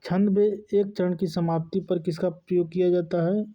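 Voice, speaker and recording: A man's voice: high voice, little pitch movement, normal speed. A man teaching a lesson, asking questions and answering them himself. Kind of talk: classroom lesson. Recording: dull lo-fi recording.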